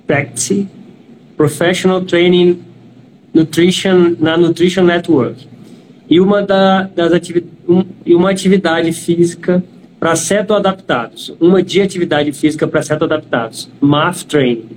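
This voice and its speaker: Guy co-host reading an intro slowly, slightly high voice, faint noise behind. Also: a little mellow, rough recording. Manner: slow, careful reading of an introduction. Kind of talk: casual live chat.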